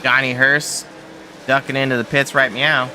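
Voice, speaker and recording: A Canadian man calling an online truck race as lead commentator, relaxed and chatty. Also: mid-range voice, moderate pace, a little hiss or hum. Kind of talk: sim racing commentary.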